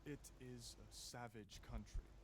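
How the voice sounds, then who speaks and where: An actor playing an earnest young foreign gentleman in a medieval game, explaining in a measured, deferential way. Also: mid-range voice, fairly even intonation, very noisy, lightly acted. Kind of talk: scripted dramatic game dialogue.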